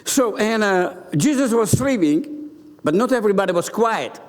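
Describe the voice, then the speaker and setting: Animated male preacher in a reverberant church. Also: sits high, normal speed. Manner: animated, acting out the scene. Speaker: bishop preaching. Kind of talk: sermon. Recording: long hall reverb.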